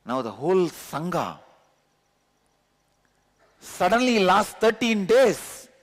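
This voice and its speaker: In a large satsang hall full of long reverb, a Tamil-accented man teaches a spiritual discourse in a high, sing-song, slow voice. He speaks earnestly, repeating key words for emphasis.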